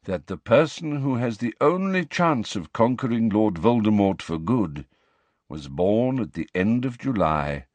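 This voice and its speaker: A grave old wizard headmaster, put on by a male reader, unhurried and courteous. His speech is measured and gentle, with lively rises and falls. Dry, close storybook sound. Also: lowish voice, no echo.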